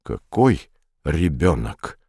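A man voicing a bewildered, cautious ship captain who asks slow, puzzled questions. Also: rumbling low, sing-song, dark tone, breathy edge, no room sound, clean studio sound, voice pushed down, full character voice.

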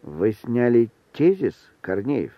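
A man voicing a thin, stern official who speaks quietly and menacingly. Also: medium pitch, fairly quick, no echo, natural voice. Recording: thin phone-like sound, dry.

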